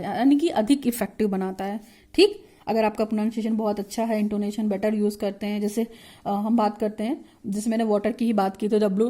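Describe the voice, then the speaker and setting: A woman teacher giving an explanatory lesson, asking herself questions, restarting words and reading out English lines slowly. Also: fairly high pitch, dark tone. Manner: mixes Hindi with slow, drawn-out English read-outs; frequent self-questions and restarts.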